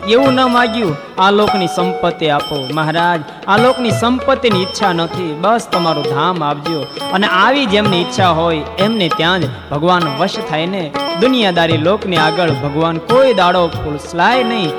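A man's voice: sits high, moderate pace, few pauses. A man preaching an emotive devotional story sermon in a sing-song style. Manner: sing-song, emotive, rising to impassioned peaks. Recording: devotional music behind.

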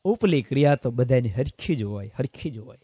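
A middle-aged man preaching a sermon as a swami, telling stories and swinging between hushed asides and loud exclamations. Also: medium pitch, lively intonation, normal speed, slightly rough, no room sound, studio quality. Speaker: swami preaching at a devotional camp.

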